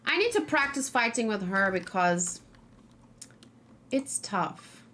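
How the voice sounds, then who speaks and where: Her mid-range voice swings widely in pitch, sounds bright and forceful, and moves at a slow pace. This gaming streamer and host chats casually while playing, thinking aloud and frequently muttering to herself, with noise, keyboard typing, and mouse clicking in the background.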